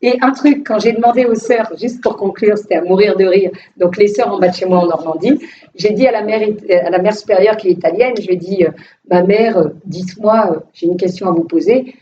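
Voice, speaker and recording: A woman filmmaker giving a lively personal testimony to an audience, laughing often and restarting her phrases. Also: medium pitch, fast talker. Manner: animated, laughing, with frequent restarts. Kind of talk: lively storytelling talk to an audience. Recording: distant, dull, slightly noisy room recording.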